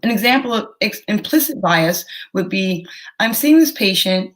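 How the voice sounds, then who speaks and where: A young adult woman, a physician appearing as an interview guest, speaks at a medium pitch in an animated way, though the audio quality is poor. Her answers are measured and careful, explaining things in an educational manner.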